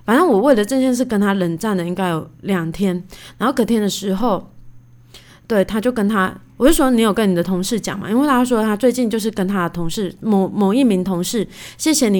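Woman, 30s, podcast host, casual storytelling, chatty, full of fillers, animated. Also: mid-range voice, fairly quick. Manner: chatty, animated, indignant retelling; many fillers like "you know".

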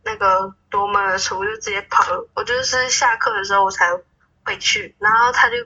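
Animated young woman telling a story, phone-quality sound. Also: mid-range voice, a little fast, vocal fry, breathy edge. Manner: animated, acts out quarrels in quoted voices. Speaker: guest. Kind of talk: casual chat storytelling.

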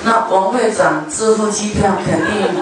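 A woman's voice: mid-range voice, moderate pace, a crowd in the background. A woman Buddhist dharma master giving a chatty sermon, joking with her audience in a lecture hall. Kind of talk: conversational sermon. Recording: very echoey hall, mic far off, faint noise.

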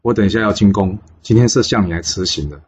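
A man voicing a shrewd old male sage advisor who speaks in a measured, knowing way. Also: fairly low pitch, darkish tone, highs cut off, slight background noise, lightly acted. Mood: calm.

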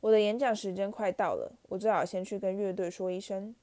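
A woman's voice: mid-range voice, steady tone, brisk, mellow, close to an everyday voice. A woman voicing a proud, touchy nobleman ghost who speaks stiffly in a storybook reading. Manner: stiff, sulky pride.

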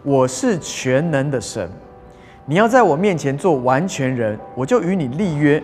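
Stern almighty god, as a man preacher puts him on, solemn and slow, echoing hall. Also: a little high, expressive, natural voice. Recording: long hall reverb with soft music.

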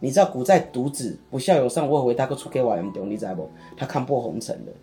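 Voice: medium pitch, expressive, fast talker, warm tone, soft background music. A podcast co-host, casually chatting and retelling a story theatrically, acting out the dialogue. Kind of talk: casual chat, dramatic storytelling.

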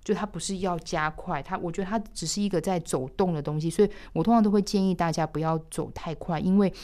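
A woman explaining a piano score step by step in a thoughtful way, sometimes trailing off softly. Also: lowish voice, fast. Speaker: piano teacher. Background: piano playing.

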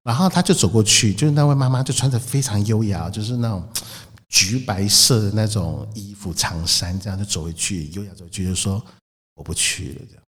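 A man in casual podcast chat who tells a lively story, taking on the voices of the people in it. He talks quickly, and the recording has a long, roomy reverb. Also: lowish voice, husky. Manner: animated storyteller, acts out the people in his story. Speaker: whale-watching boat operator, podcast guest.

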